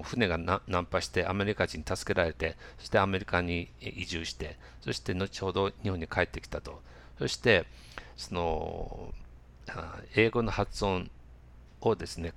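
A man with a very low, gravelly voice teaches pronunciation in a loose, conversational way. He pauses on fillers and drags out example words so they can be heard clearly. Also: a bit bright. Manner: many fillers, repeats example words slowly. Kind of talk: casual spoken lesson.

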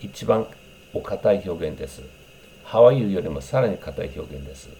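Deep-voiced man teaching English phrases. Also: lively intonation, vocal fry, dark tone, a little hiss or hum. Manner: unhurried, explanatory, many fillers, demonstrates English phrases. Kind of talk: casual spoken lesson on English greetings.

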